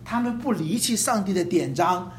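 A preacher in full sermon mode, emphatic and animated, with a voice that rises and falls over a wide range. The talk is full of rhetorical questions, and English terms surface now and then. A faint hum of room ambience sits underneath. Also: medium pitch, moderate pace.

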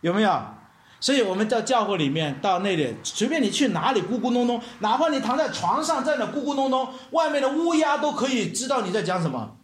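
A man preaching a sermon as pastor, animated, firing rhetorical questions at the congregation and mimicking murmuring sounds. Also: very high-pitched, fairly quick, echoey room.

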